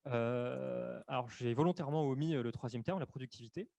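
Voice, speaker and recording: A man explaining economics in a webinar, speaking quickly and filling his sentences with hesitations and self-corrections. The sound is dry and close, recorded on a desk microphone at his computer. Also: mid-range voice, gravelly, a little mellow, dry recording. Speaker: webinar presenter. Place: room at home or office, on camera.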